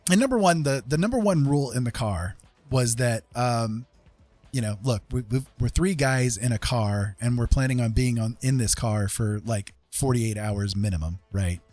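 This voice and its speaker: An American man hosting a livestream tells a rambling personal story in a casual, animated way, repeating phrases for emphasis. His medium-pitched voice moves at a moderate pace, and the dry recording has faint music behind it.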